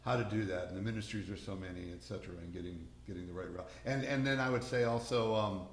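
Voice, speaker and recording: A man's voice: on the low side, fast. A man in a group discussion, talking thoughtfully and searching for his words. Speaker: class participant in ministry. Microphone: video call. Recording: roomy sound with faint noise.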